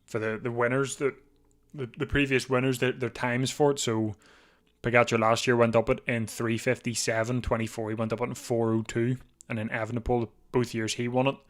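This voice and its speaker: A man talks through a race on a live stream, slightly hoarse, with a middle-pitched voice. He rambles loosely, stumbles over repeated words and clears his throat now and then, close to a desk mic at home. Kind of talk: casual live race watchalong commentary.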